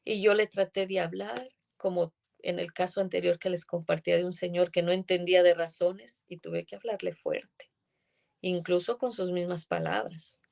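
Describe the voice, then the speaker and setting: Woman telling a faith testimony, earnest and emotional, low gravelly voice. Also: normal speed, a little mellow. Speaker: guest giving a faith testimony. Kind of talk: religious testimony in conversation.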